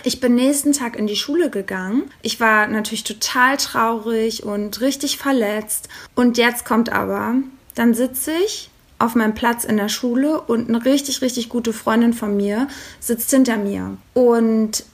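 A woman co-hosting a podcast, telling a personal story in a candid, animated, colloquial way. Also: fairly high pitch, unhurried. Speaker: podcast co-host.

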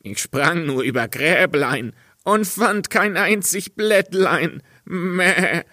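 A man voicing a spiteful, lying nanny goat in a storybook reading, bleating in a high voice. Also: animated, slow pace, bright, forceful tone, no echo, clean studio sound, full character voice.

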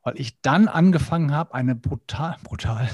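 Guesting on a podcast for a reflective interview, a middle-aged man talks earnestly and animatedly, frequently voicing small quoted inner thoughts. His voice is on the high side, a little mellow and husky, at a moderate pace with no echo.

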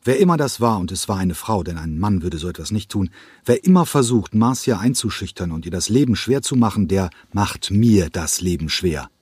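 A man reading an audiobook and voicing a hot-tempered male ballet choreographer who yells in fury. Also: lively intonation, moderate pace, husky, no echo. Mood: stern. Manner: yelling in fury, rising high. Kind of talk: audiobook character voice.

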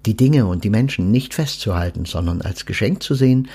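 A man's voice: on the low side, lively intonation, a little fast, husky. A man hosting a podcast, reading a children's story aloud and then reflecting thoughtfully on death and letting go. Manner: thoughtful, gently instructive.

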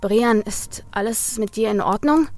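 A woman's voice: mid-range voice, a little slow, a little mellow, lightly acted. Female reader as a nervous young man, alarmed, unsure. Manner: alarmed, hesitant. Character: anxious young man, uneasy friend.

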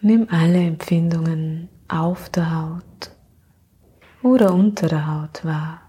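A woman slowly narrating a soothing sleep meditation in a hushed, half-whispered voice, calm, with gentle pauses between phrases. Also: sits low, husky. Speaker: guided meditation narrator and podcast host.

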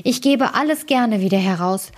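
A woman's voice: fairly high pitch, expressive, moderate pace, voice pushed up. A woman voicing a thieving male innkeeper who has turned meek and pleading, in a storybook fairy tale.

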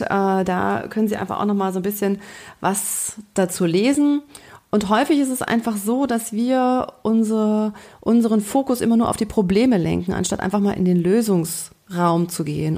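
A woman's voice: mid-range voice, darkish tone. A woman coach talking informally to her podcast listeners, a bit hesitant as she thinks aloud.

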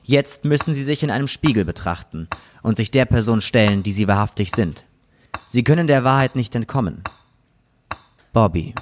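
A man voicing a cold, sinister male game master villain with solemn, measured pronouncements. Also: medium pitch, slight background noise, close to an everyday voice. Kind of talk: scripted villain narration.

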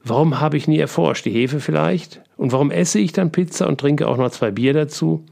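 A man's voice: a little high, moderate pace, gravelly, dark tone. A man reading the part of a tired, tipsy older father who keeps chuckling through his story, in an audiobook. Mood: rueful. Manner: giggly, breathless telling.

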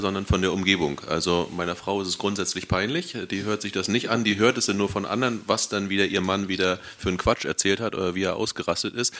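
Low-voiced man talking reflectively. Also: fairly bright tone. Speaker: fan radio commentator, guest. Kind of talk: reflective conversational interview.

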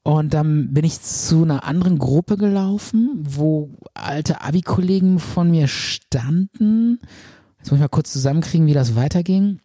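A man's voice: fairly high pitch, moderate pace, warm tone, dry recording, clean studio sound. A man co-hosting a podcast, telling a dream in a rambling, hesitant way with many fillers. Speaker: podcast co-host. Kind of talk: casual chat, telling a dream.

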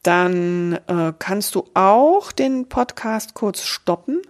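A woman voice coach explaining a voice exercise on her podcast, speaking straight to the listener in an encouraging way. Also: fairly low pitch. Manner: encouraging, direct address to listener. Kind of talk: podcast voice lesson. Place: podcast recording.

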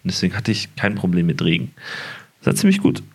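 A man's voice: low voice, sing-song, fast talker, breathy edge. A hungover man co-hosting a podcast in casual chat, joking at his own expense. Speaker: podcast co-host.

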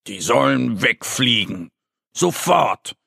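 A man's voice: fairly low pitch, animated, a little slow, gravelly, pushed and bright, slightly rough, no echo, studio quality, heavily acted. A man doing a whiny little bear cub. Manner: whiny, complaining. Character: small whiny young male bear cub.

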